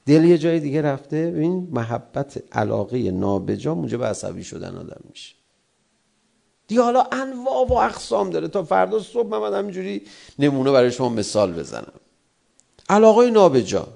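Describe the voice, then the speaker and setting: A middle-aged cleric delivers a sermon in a gravelly voice. His tone is dark and mellow, and he acts out quarrelling spouses in raised voices to make his points. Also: fairly high pitch, very animated.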